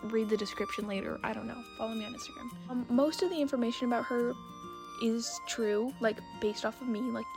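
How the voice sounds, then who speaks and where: With music playing in the background, a young woman who creates videos and art speaks fairly quickly in a fairly high voice. Her voice-over is casual and meandering, with a self-deprecating streak.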